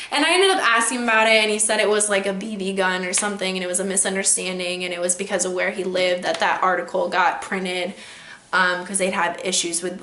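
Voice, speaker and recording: A woman's voice: medium pitch, pushed and bright, roomy sound, slight background noise. A young woman giving casual dating advice in a vlog, chatty and rambling with lots of fillers. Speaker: vlogger.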